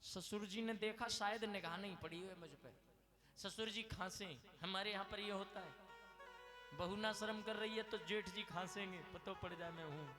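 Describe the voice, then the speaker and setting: A man with a Braj accent telling a devotional story as a katha preacher, folksy and animated, putting questions to his audience. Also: high voice, moderate pace, over music. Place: katha gathering before an audience.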